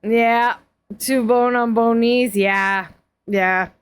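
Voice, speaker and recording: A woman's voice: a little high, steady tone, extremely slow, clean tone, no room sound. Chatty woman in her forties. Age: 40s. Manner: rambling, chatty, frequent laughs and fillers. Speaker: streamer. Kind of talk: casual chat.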